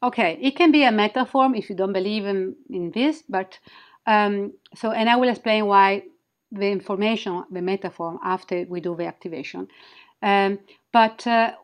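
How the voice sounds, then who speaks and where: A woman with non-native English phrasing, gently and reassuringly explaining and leading a guided meditation in a smooth, clear voice. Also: mid-range voice, normal speed. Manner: gentle, reassuring, simple encouragement. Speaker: spiritual healer, guest leading a guided activation.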